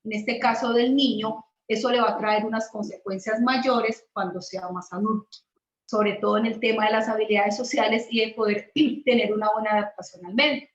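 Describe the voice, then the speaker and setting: A woman's voice: on the high side, steady tone, moderate pace. A woman participant making a thoughtful comment about a child's development. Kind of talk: casual remark. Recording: echoey room, dull audio.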